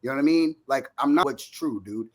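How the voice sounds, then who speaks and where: A man's voice: medium pitch, a little fast. A man arguing as a fan in a heated sports debate, insistent and slangy, cutting in, repeating his points and swearing.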